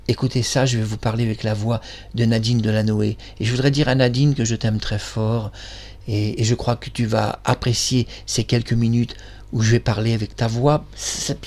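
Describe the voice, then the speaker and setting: A man of middle pitch hosts his own channel in a loose, casual monologue. He rambles and praises himself effusively, his thoughts spilling from one to the next. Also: darkish tone. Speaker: channel host.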